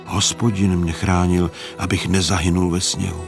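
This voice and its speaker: A man's voice: low voice, level tone, gravelly, music in the background. A man voicing a meek, devout peasant who speaks humbly and with resignation, in a storybook reading. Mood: humble.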